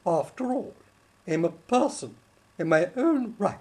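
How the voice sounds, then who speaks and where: The interviewer voicing an indignant, haughty female puppet wife with a shrill voice in a comic mock interview. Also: lively intonation, a little slow, darkish tone, husky.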